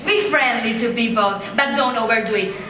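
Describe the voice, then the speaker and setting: A woman's voice: a little high, normal speed, sharp tone. A woman playing an overbearing, scolding mother in a comic stage play, theatrical and emphatic. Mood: bossy. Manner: bossy, theatrical, emphatic repetition. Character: overbearing, scolding, dramatic mother of grown children. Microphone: far camera. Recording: very echoey theater stage, distant mic, faint noise.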